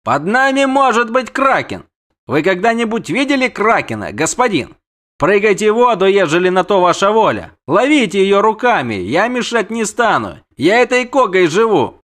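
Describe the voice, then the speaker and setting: A man voicing a gruff, stubborn ship captain in an audiobook, shouting defiantly. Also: high voice, big pitch swings, moderate pace, pitched above the performer's own voice. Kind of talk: audiobook character voice.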